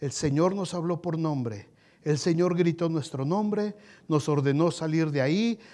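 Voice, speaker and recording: A male pastor preaching a sermon with passion, dropping to hushed tones and then rising loud, and often calling his listeners brothers. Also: a little high, unhurried.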